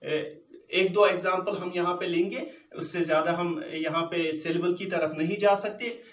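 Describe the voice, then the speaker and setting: A man teaching a punctuation lesson, slowly repeating words as he switches between English and Hindi. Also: high voice, steady tone, fairly bright tone, far from the mic. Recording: echoey room, voice from off-mic.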